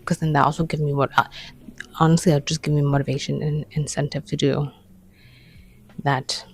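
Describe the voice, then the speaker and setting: A vlogger chatting casually to the camera late at night, short of breath, rambling and often slipping into a soft whisper. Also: medium pitch, flat delivery, fast, slightly rough, poor audio. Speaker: lifestyle vlogger. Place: bedroom at night.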